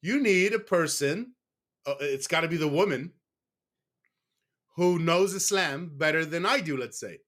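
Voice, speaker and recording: A man's voice: a little high, lively intonation, unhurried, long pauses, fairly bright tone. A man from the United States speaking in a casual interview as a guest, candid and rambling, often stopping to correct himself.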